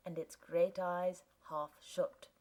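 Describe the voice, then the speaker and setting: A woman reading a classic story aloud as an audiobook narrator, in a calm, measured way. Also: fairly low pitch. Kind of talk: scripted narration.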